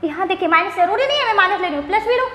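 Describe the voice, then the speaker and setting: A woman's voice: very high voice, animated, very fast, crowd noise. A woman teaching a maths lesson who asks questions, answers them herself and repeats key terms. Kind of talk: classroom lecture. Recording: echoey room with faint noise.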